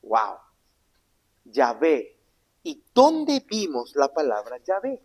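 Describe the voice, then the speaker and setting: A man preaching a sermon, asking the congregation questions and answering them himself, swinging between loud emphatic lines and low hushed asides. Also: huge pitch swings, slow pace. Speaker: pastor. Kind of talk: sermon Bible teaching.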